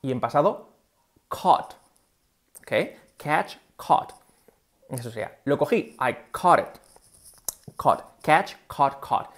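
A man's voice: on the high side, lively intonation, slow, pauses often. A man giving a casual video lesson on English pronunciation, explaining with many fillers and modelling English words. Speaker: English teacher.

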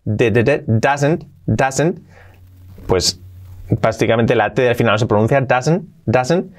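A man from Spain with a Spanish accent, teaching English pronunciation and repeating phrases slowly for drilling. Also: medium pitch. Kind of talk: pronunciation lesson.

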